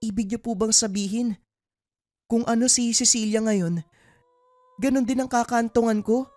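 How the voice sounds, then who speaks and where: A woman's voice: fairly high pitch, moderate pace, darkish tone, no room sound, close to an everyday voice. A woman voicing a young woman who pleads and questions urgently in a dramatized horror story. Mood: pleading, distressed. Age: young adult.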